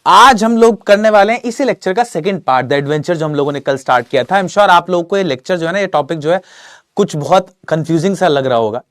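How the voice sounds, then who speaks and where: Male online teacher, slightly high voice, throat a bit rough from a cold, chatty, dry close sound. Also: expressive, brisk, fairly bright tone, no echo. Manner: chatty, reads out viewer names and comments. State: sore throat with cough and cold. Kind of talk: live online class, Hindi-English mix.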